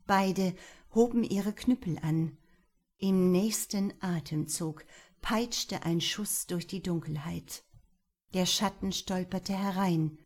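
A woman narrating an audiobook in a calm, measured way. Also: fairly low pitch.

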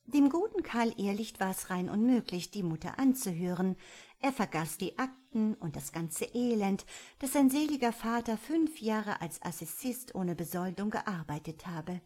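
A woman's voice: medium pitch, animated, normal speed, dark tone. A woman narrating an old-fashioned story as an audiobook reader.

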